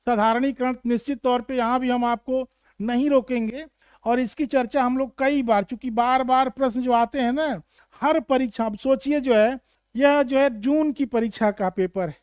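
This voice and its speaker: A man teaching Hindi literature for exam prep, explaining slowly and repeating points with questions to students. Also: extremely high pitch, steady tone, a little mellow, clear, resonant tone, dry recording, studio quality.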